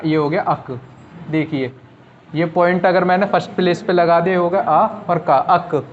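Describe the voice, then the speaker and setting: A man teaching a shorthand lesson, patiently repeating each rule step by step. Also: fairly high pitch. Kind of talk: classroom lesson explaining at a board. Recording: slightly dull lo-fi recording with faint noise.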